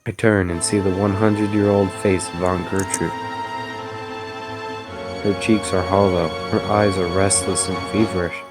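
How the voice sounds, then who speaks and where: Over loud music, a man's natural, low-sitting voice keeps a level tone at normal speed. Narrating in the first person as the haunted, desperate protagonist of a gothic audio drama, he sounds grave and suspenseful.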